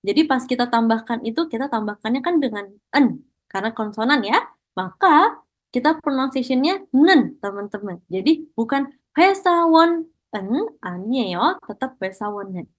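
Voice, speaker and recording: A woman with a high voice leads an online language lesson. She explains step by step and often praises her students. Her tone stays encouraging throughout. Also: animated, fairly quick. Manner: encouraging, mixes Korean praise into Indonesian. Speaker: Korean language teacher. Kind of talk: online class teaching.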